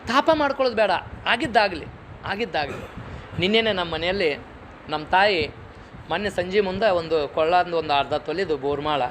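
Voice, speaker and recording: A middle-aged man speaks with a North Karnataka Kannada accent and a noticeably high pitch. He delivers a moral lecture in a lively, folksy way, firing off rhetorical questions and telling stories from home. A faint hiss of noise sits under his voice. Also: a little fast, pauses often. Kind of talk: public moral lecture with storytelling.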